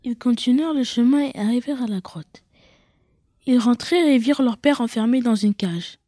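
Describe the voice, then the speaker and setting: A woman reading her own children's story aloud, with dramatic loud bursts and whispered asides. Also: fairly high pitch, normal speed, dry recording, clean studio sound.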